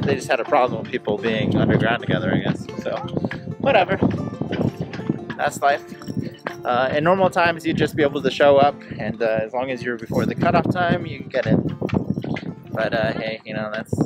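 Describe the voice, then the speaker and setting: A man's voice: medium pitch, lively intonation, a little fast, loud music behind the voice. A man in his thirties narrating a family road trip vlog in a chatty, offhand way, filming himself at arm's length in the car and at stops. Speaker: family travel vlogger. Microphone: handheld camera at arm's length.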